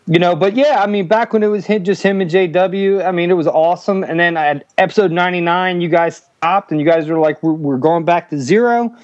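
A man's voice: high voice, a little fast, few pauses, no room sound. Eager, rambling man on a dull line. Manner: eager, rambling, many restarts. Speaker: guest caller. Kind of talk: casual podcast chat. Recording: dull, dry call-in audio.

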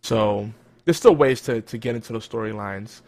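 A man's voice: lowish voice, moderate pace, a little mellow. Man, podcast host, casual, rambling, plenty of uhs and restarts. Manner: rambling, with many fillers and self-corrections. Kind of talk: casual chat.

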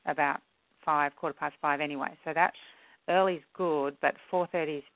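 A woman's voice: low-pitched, steady tone, normal speed, no room sound. A woman heard over the phone, friendly and polite, repeating details back to confirm them. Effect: heard over a phone line. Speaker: caller. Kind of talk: phone call arranging a meeting time. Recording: tinny phone line.

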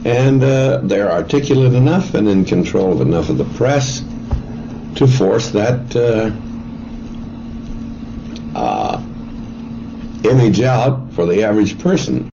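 A man speaking in a halting, hesitant way, heard on a dull, lo-fi clip with faint ambient noise. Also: lowish voice, very animated, creaky.

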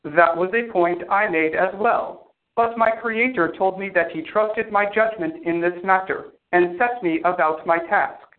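A man's voice: sits high, a little slow, hardly any pauses. A man voicing a cold, formal male artificial intelligence that speaks precisely and without emotion. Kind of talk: audio drama acting. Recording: tinny phone-like sound.

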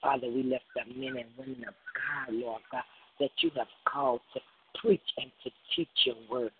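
A man's voice: mid-range voice, steady tone, moderate pace, a little hiss or hum. A man leading a fervent spoken prayer on a prayer line, repeating "Lord God" and "oh God" as he builds. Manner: chanting repetitions of "Lord God" and "oh God", building in intensity. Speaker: prayer leader. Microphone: phone. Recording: tinny phone line.

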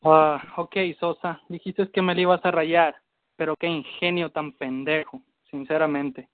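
A man's voice: a little high, little pitch movement, measured pace, no echo. A man freestyling boastful battle-rap insults over the phone, dropping in English phrases. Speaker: battle rapper. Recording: tinny dry phone line.

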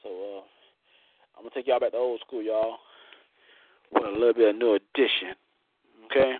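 A man hosting a casual live internet radio show, playful and loud, full of "y'all" and laughter. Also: fairly low pitch, fairly even intonation, normal speed. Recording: tinny phone-like line.

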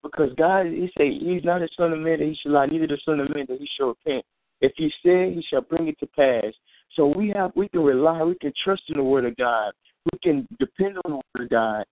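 This high-leaning male voice moves a little fast, with no room sound, through a tinny, dry, phone-like recording. A preacher sharing his testimony, he's earnest and informal, restarting and repeating himself throughout his sermon.

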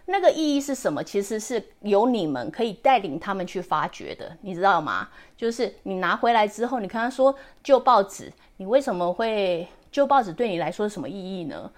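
A woman in her forties talks through advice on her podcast in a relaxed, chatty way. Her voice sits at an ordinary middle pitch, and she mixes English words into her sentences. She keeps checking that the listener is following. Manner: chatty, often asks the listener "you know?" and drops in English words. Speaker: podcast host. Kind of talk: casual advice talk.

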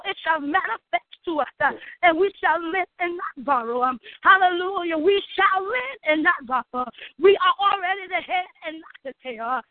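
A woman's voice: very high-pitched, dry recording. A woman leading a fervent spoken prayer, declaring each line with passion and many uh fillers. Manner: impassioned, declaring, with frequent uh fillers. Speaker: prayer leader. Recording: tinny phone line, dry.

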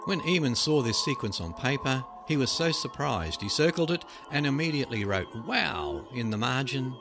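A man reading written articles aloud as scripted narration, with measured, dramatic phrasing that drops at sentence ends. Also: mid-range voice, expressive, background noise. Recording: loud music behind the voice. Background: music.

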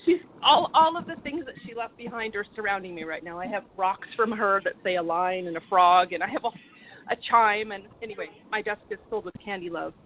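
A woman's voice: medium pitch, fairly quick, a little hiss or hum. A woman coaching and encouraging others on a group phone call, earnest and heartfelt. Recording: tinny phone line, dry.

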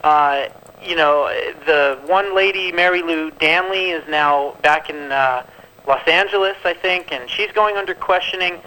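A man's voice: a little high, measured pace, pushed and bright, slight background noise, rough recording. A man calling in over a landline phone as a guest on a talk radio show, rambling through his commentary with plenty of fillers. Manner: rambling, thinking aloud with many fillers.

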